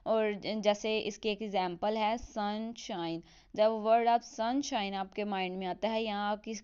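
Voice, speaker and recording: A woman explaining a literature lesson step by step, asking herself questions and reading English definitions slowly. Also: medium pitch, darkish tone, clean tone, muffled recording. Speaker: online English literature teacher. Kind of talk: explanatory lesson, Hindi mixed with English terms.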